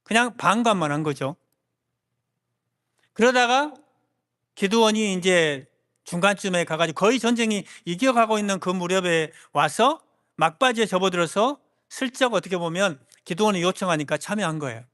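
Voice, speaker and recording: A man's voice: high-pitched, animated, normal speed, fairly bright tone. A man, a senior pastor, preaching a sermon and asking the congregation questions. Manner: asks the congregation questions and acts out quoted complaints. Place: church sanctuary. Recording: long church hall reverb.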